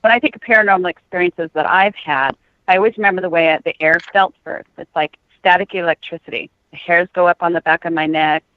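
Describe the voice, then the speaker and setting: A woman's voice: fairly low pitch, steady tone, fairly quick, no echo. Woman guest on a tinny phone-like line. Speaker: interview guest, author.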